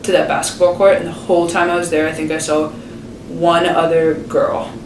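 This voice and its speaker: A woman's voice: deep voice, flat delivery, moderate pace. A young woman, a college student athlete, casually recounting her experience in an interview. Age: young adult. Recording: roomy, distant, noisy.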